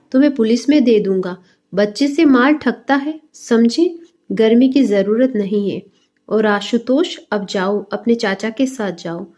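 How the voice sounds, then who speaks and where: A woman's voice: on the high side, a little mellow, natural voice. A woman voicing a stern middle-aged father who presses his young son with scolding questions, in a storybook reading. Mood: instructing.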